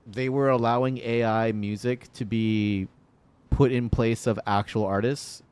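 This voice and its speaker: A man in his thirties chatting on a game stream, his voice sitting at an everyday middle pitch. He rambles from story to story in a loose, jokey way and swears casually. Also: steady tone, measured pace, darkish tone, clean tone. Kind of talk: casual gaming stream chat.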